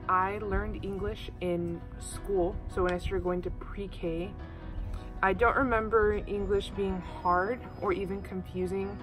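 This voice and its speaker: With music running beneath her, a teenage woman from Oklahoma, nineteen, answers questions in a casual interview, thoughtful and full of ums and uhs. She has a medium pitch, steady tone and measured pace, on a rough recording.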